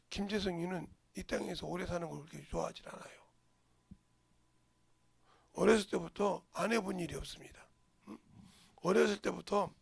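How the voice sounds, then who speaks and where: Older pastor with a very gravelly voice. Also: male voice, high-pitched, no room sound. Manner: emphatic, swinging between loud outbursts and murmurs; rhetorical questions. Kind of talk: sermon.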